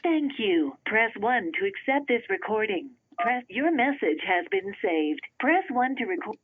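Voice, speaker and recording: Slow, breathy voicemail lady over a phone line. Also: mid-range voice, big pitch swings, slight background noise. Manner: measured, instructional prompts. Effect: heard over a landline phone line. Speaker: automated voicemail prompt. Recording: tinny telephone line.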